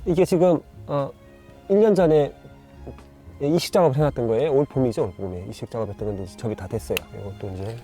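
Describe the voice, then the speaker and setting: A man explaining bonsai pruning in a casual, halting way, full of fillers and restarts while he points things out, with soft music under his voice. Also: mid-range voice. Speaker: bonsai grower. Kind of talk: casual instructional demonstration.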